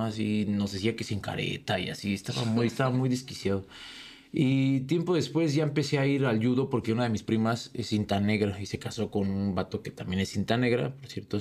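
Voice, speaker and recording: A man's voice: medium pitch, darkish tone. A young man with a Mexican accent, a podcast guest telling stories in a joking, slangy way. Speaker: guest, jiu-jitsu instructor. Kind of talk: casual chat.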